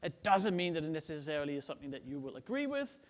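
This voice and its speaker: A man's voice: on the high side, big pitch swings, fast. Joking Danish-born man in a reverberant hall. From Denmark. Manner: chatty and joking, with frequent "right?" tags and "um" fillers. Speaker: conference speaker. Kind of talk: casual conference talk. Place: large conference hall.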